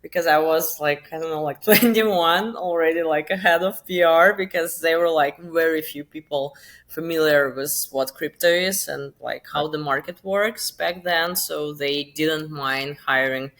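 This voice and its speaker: Woman, late 20s-30s, Russian accent, deep for a woman, chatty guest. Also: a little slow, fairly bright tone. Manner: chatty, many fillers like "like" and "um". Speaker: guest, crypto marketing founder. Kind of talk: casual interview talk.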